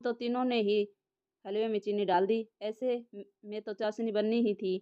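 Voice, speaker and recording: A woman's voice: mid-range voice, steady tone, normal speed, smooth, no room sound, natural voice. A woman voicing a young woman friend who grumbles indignantly. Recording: slightly dull lo-fi audio.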